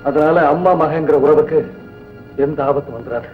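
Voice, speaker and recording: An actor playing an earnest, devoted adult son in an old film melodrama. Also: male voice, a little high, moderate pace, close to an everyday voice. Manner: earnest, pleading. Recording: dull old film soundtrack with music.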